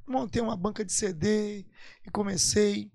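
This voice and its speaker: A man's voice: high voice, fairly even intonation, normal speed, creaky, a little mellow, dry recording, clean studio sound. A man from Parintins, telling his story as a guest musician in a casual, emphatic way, repeating phrases for weight. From Parintins, Amazonas, Brazil.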